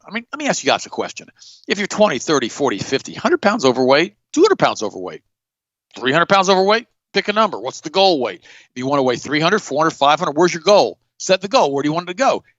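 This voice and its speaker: A middle-aged man hosting a show, telling stories in a blunt, animated way and jumping up in pitch for emphasis. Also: no echo, muffled recording. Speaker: podcast host. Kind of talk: casual storytelling chat.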